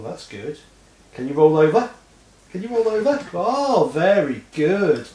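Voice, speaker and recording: A man's voice: high voice, slight background noise. A man at home, chatting playfully to his dog in sing-song baby talk and laughing a lot. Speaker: dog owner. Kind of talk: playful home video with pet. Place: indoors at home. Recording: echoey room.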